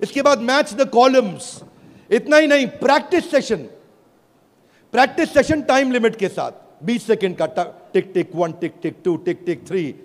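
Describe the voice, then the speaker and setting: A man giving an energetic motivational business speech to a live audience, rallying the crowd. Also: extremely high pitch, measured pace. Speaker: business speaker pitching an app. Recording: echoey hall with crowd noise.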